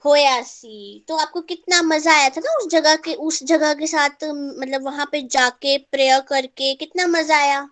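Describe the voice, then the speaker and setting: High-voiced woman teaching an online class. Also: unhurried, few pauses, a bit bright. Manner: mixes Hindi with English terms, checks in with students. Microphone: earphone mic.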